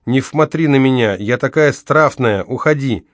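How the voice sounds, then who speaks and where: A man's voice: medium pitch, moderate pace, dry recording, voice pushed up, close to an everyday voice. A young battered woman with a thick lisp from her missing front teeth, as a male narrator puts her on, speaking bitterly and bluntly. Her voice sits well above the reader's own. The reading is close and dry, with no room sound. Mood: tearful bitter.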